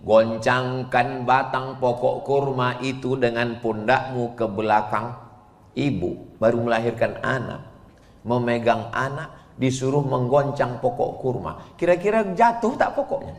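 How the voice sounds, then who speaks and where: A man preaching a sermon to an audience, teasing and questioning them in a lively back-and-forth. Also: medium pitch, unhurried. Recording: echoey hall, long reverb.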